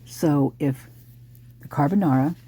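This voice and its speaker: A hoarse true crime commentator speculating casually and thinking aloud, breaking into exclamations at sudden ideas. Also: mid-range voice, a little slow, background noise.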